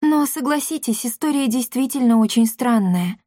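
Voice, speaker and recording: A woman's voice: fairly high pitch, animated, moderate pace, dark tone, dry recording, clean studio sound, pitched above the performer's own voice. A woman voicing an earnest young heroine girl who sounds sincere and easily surprised.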